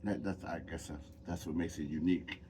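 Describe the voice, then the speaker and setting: Man, very low voice, podcast co-host, relaxed casual chat, faint noise. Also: brisk. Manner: relaxed, loose and conversational.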